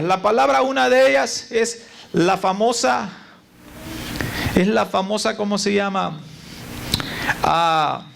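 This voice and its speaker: A man preaching in a church, with a high voice and a gravelly edge. He addresses the congregation directly and runs through lists of word meanings. The recording carries a steady hiss of noise. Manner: preaching with call and response to the congregation. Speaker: pastor. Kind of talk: sermon. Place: church sanctuary.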